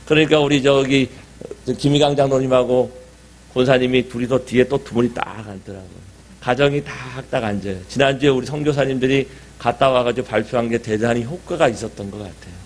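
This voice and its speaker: A man's voice: mid-range voice, steady tone, a little fast. Middle-aged man preaching conversationally. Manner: conversational preaching with rhetorical questions to the congregation. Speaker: pastor. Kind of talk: sermon. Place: church sanctuary.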